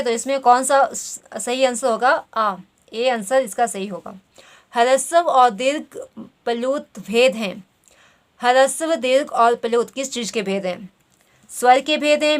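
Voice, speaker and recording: A woman teaching grammar, walking through quiz questions and repeating "theek hai" as she explains. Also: on the high side. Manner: says "theek hai" constantly, reads options slowly.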